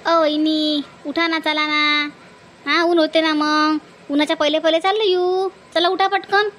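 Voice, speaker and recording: A woman's voice: high-pitched, flat delivery, unhurried, a bit bright. A woman playing a bossy village woman who keeps nagging her sister-in-law in a comedy skit. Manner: insistent, scolding, repeats urgings. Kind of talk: comedy sketch acting.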